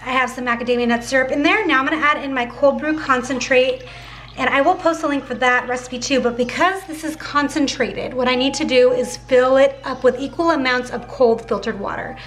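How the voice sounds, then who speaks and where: A woman's voice: sits high, fairly quick, fairly bright tone. A woman chatting casually to viewers while cooking in her kitchen, with a slight lisp from dental aligners. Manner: chatty, addresses viewers as guys, many fillers like 'like'. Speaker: cooking vlogger. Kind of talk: casual kitchen vlog chat.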